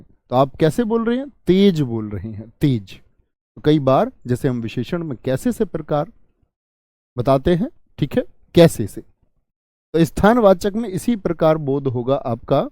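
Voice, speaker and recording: A man's voice: on the high side, sing-song, measured pace, mellow, dry recording, studio quality. A man teaching an online grammar class. He keeps asking his students questions and then answers them himself. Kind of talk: online exam-prep grammar lesson.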